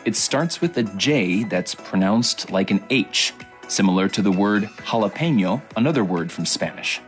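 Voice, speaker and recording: Slow-spoken low-voiced man explaining. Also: expressive, soft background music. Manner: explanatory, unhurried. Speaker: co-host teacher. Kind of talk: scripted lesson explanation.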